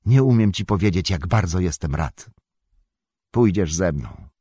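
Gentle resolute hobbit, low husky voice, calm and earnest, done by a male narrator. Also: measured pace, dry recording, full character voice. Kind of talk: audiobook character voice.

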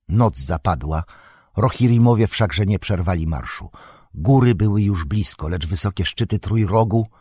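A man narrating an epic fantasy audiobook in a measured storytelling manner. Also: deep voice, darkish tone, husky, dry recording, clean studio sound. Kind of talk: scripted narration.

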